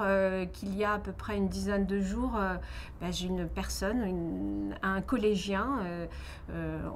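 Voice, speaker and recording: A woman from Algeria, in her thirties, giving earnest personal testimony in an interview, pausing often with fillers and restarts. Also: medium pitch, a little hiss or hum.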